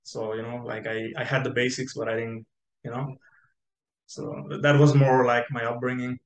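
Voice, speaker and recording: Young man, from Spain, interview guest, rambling with fillers, roomy echo, mid pitch. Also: flat delivery, normal speed. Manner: rambling, many fillers and restarts. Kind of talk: casual video-call interview. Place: bright room indoors. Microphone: video call. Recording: echoey room on video call.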